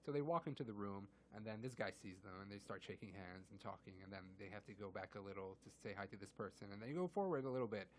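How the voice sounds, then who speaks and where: A man's voice: fairly low pitch, lively intonation, fast, few pauses, slight background noise. A man co-hosting a casual radio show, explaining physics through everyday analogies and laughing often.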